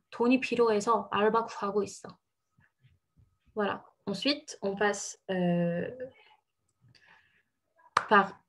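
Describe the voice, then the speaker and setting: A woman teaching pronunciation in a relaxed explanatory way, pausing with fillers and correcting herself. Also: medium pitch, slightly rough. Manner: patient, many fillers and self-corrections. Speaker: Korean language teacher.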